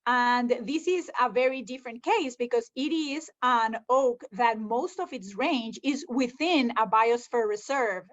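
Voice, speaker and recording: A woman's voice: on the high side, muffled recording. A woman from Rica, a conservation scientist answering interview questions earnestly, with frequent ums. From Costa Rica.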